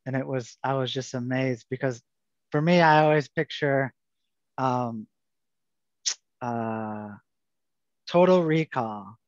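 A man's voice: mid-range voice, slow pace, pauses often, dry recording. A man hosting a casual webinar chat over a video call, jokey and upbeat. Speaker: show host. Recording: muffled video call audio.

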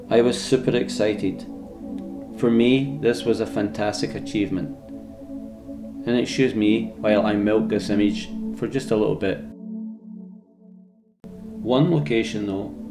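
Scottish man, casual vlogger. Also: on the low side. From Scotland. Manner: informal, sweary. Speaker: landscape photography vlogger. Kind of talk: casual vlog talk and narration.

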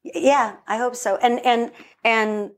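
A woman's voice: fairly high pitch, a little slow. A middle-aged woman telling a family story in a casual interview, acting out the voices of the people in it. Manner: animated storyteller, acts out quoted voices. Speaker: podcast guest, filmmaker.

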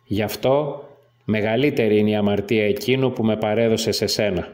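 A man voicing a calm, serene prisoner speaking gravely. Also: fairly low pitch, close to an everyday voice.

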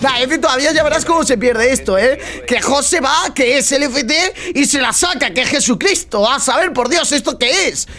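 A man from chatting casually over gameplay, just woken up, slangy and prone to loud teasing shouts. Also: extremely high pitch, moderate pace, few pauses. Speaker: gaming streamer.

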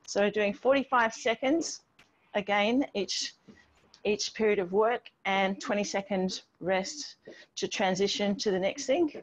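Speaking unhurriedly in a mid-range voice, a middle-aged woman guides an online exercise class through each step with encouragement while moving with the participants. She is outdoors on a home patio with a garden wall. The sound comes through a distant device mic on a video call and is dull and band-limited.

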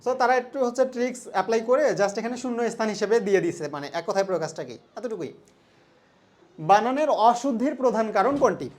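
A man's voice: high voice, brisk, a little mellow. Young Bangladeshi male teacher, chatty. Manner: conversational, mixes English terms, asks students questions. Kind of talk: exam solution lesson.

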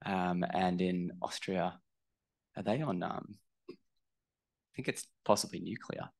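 A man from a timber manufacturer answering on a panel in a relaxed, conversational way with many fillers. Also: low voice, measured pace, vocal fry.

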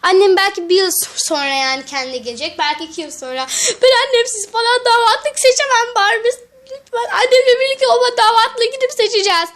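A woman's voice: very high voice, animated, fairly quick, fairly bright tone. Ken, a woman putting on a weepy doll groom. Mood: tearful. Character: soft-hearted young man Ken, weepy groom. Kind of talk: doll play-acting.

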